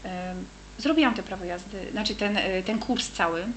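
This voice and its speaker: A woman's voice: medium pitch, moderate pace, a bit bright, slight background noise. A woman telling her personal faith testimony in an earnest, storytelling way, with frequent hesitations, speaking to listeners directly.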